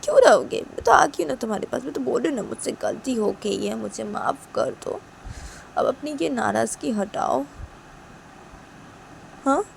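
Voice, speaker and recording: A woman's voice: on the high side, animated, moderate pace, vocal fry, long pauses, a little hiss or hum. A woman doing Uma, a pleading young woman. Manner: pleading, repetitive questioning. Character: pleading young woman begging her lover's forgiveness. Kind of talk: one-woman storytelling with voices.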